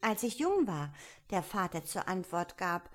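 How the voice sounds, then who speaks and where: A woman voicing a polite, timid young girl in a storybook reading, pitched up and eager. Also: very animated, unhurried. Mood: reciting. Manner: higher, eager, slightly tearful. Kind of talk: audiobook character voice.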